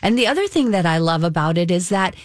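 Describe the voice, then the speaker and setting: A woman in her fifties chats about beauty on a radio show, upbeat, encouraging and emphatic. Her pitch moves in a lively, animated way, and the studio sound around her is dry and close. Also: fast talker, no room sound. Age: 50s. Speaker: beauty expert co-host. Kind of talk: casual radio chat.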